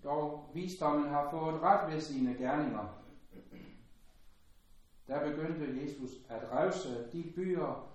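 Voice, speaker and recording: Solemn man reading in an echoing church. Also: recorded from a distance. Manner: measured, solemn, phrase endings dropping low and soft. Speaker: priest. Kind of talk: liturgical gospel reading. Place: large church. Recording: dull, very echoey church sound from afar.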